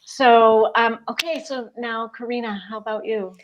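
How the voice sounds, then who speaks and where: A woman's voice: a little high, fairly even intonation, measured pace, lo-fi sound. An upbeat woman moderates an online panel, affirming each speaker and turning to the next. Her voice comes over a video call with faint noise behind it. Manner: upbeat, encouraging, hands the turn to each guest.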